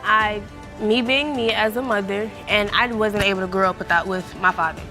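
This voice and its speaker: A woman's voice: mid-range voice, steady tone, normal speed, pushed and bright, soft background music. A young woman giving explanatory testimony as a litigant in a TV court.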